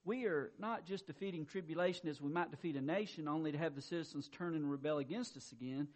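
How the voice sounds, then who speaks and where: A man preaching a sermon, reading quietly and then building to loud, emphatic exclamations with repeated words. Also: fairly high pitch, fast talker. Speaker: pastor.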